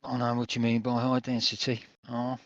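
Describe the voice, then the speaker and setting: A man's voice: mid-range voice, monotone, moderate pace, fairly bright tone, no room sound. A man, a player in a tabletop role-playing game, talking bluntly. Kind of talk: tabletop role-play chat. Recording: dull lo-fi mic.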